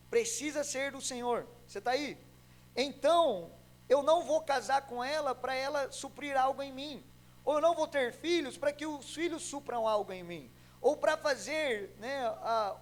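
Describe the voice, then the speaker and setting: A young adult man from Brazil preaching a sermon as pastor, telling a story with acted-out dialogue and swinging between loud and soft. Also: high voice, slight background noise, low-quality recording. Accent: Brazilian Portuguese.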